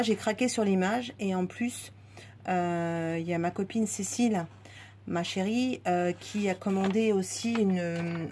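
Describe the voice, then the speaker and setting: A woman's voice: fairly low pitch, a little mellow, a little hiss or hum. A woman chatting casually while unboxing a craft kit, with many fillers and restarts. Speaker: craft vlogger.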